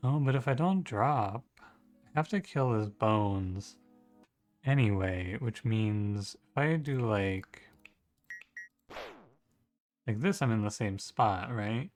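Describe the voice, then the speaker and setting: A man's voice: lowish voice, expressive, slow pace, long pauses, faint music behind. A man giving casual strategy game commentary, thinking aloud in a musing, conversational way and often correcting himself. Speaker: gaming streamer.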